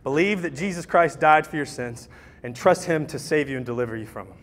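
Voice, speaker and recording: A man giving an impassioned personal testimony at a church, repeating phrases and building to shouts. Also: fairly high pitch, brisk. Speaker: guest speaker at church recovery ministry. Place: church sanctuary. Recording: long church hall reverb.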